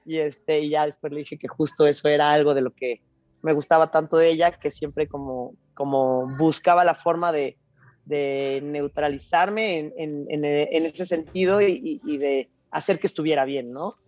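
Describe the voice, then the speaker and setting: A young woman with a Mexican accent telling a story in casual chat, slangy and animated, acting out bits of dialogue. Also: sits low, moderate pace, no room sound, highs cut off.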